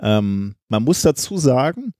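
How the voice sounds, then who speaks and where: A man's voice: medium pitch, big pitch swings, a little slow, mellow, dry recording, clean studio sound. A man co-hosting a science podcast, explaining at length in a casual way with plenty of ums and tag questions. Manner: long explanations with many filler sounds and tag questions. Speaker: podcast co-host presenting a science story.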